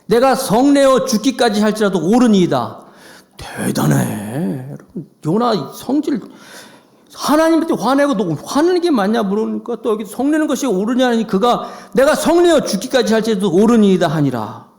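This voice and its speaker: Animated Korean pastor preaching. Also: male voice. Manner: animated preaching, acting out quoted lines with rising pitch. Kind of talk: sermon.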